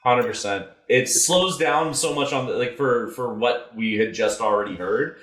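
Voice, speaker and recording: A man hosting a casual album review podcast, walking through tracks in a thoughtful, steady way. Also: mid-range voice, normal speed, echoey room. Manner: thoughtful, steady, leads the segments. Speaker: podcast host.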